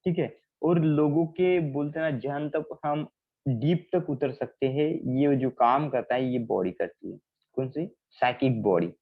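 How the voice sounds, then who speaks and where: A man's voice: medium pitch, unhurried, phone-quality sound. A man leading an online healing class, explaining with acted everyday examples and often checking that his students follow. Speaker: healing trainer.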